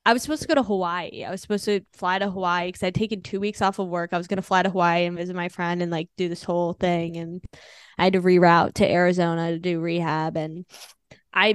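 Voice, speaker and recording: Podcast guest, woman in her thirties, candid and rambling, swears easily; smooth tone, dry close recording. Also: lowish voice, fairly even intonation, brisk, no echo. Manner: rambling, frank, swears freely, laughs at dark moments. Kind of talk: candid personal storytelling.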